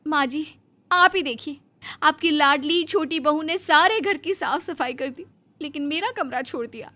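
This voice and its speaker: A scheming young daughter-in-law, put on by a woman narrator in a cartoon story. She whines and tattles in a high, loud voice and drops sly taunts. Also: normal speed. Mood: complaining.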